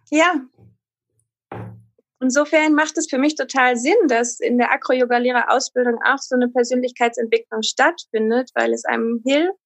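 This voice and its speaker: A woman guest giving calm, structured, reflective answers in an interview. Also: fairly high pitch. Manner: calm, articulate, structured explanations. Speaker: guest, acro yoga teacher.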